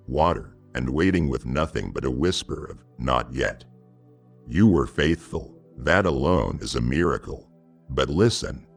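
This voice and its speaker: A man delivers scripted devotional narration, addressing the listener directly and intimately. His voice sits extremely low and carries a gravelly rasp, paced in a solemn, measured way. Soft music plays faintly underneath. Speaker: devotional narrator speaking as God.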